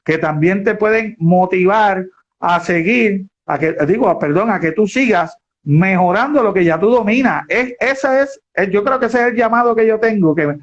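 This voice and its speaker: A man hosting an interview, talking reflectively with halting restarts. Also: high voice, highs cut off. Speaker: interview host. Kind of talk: casual interview chat.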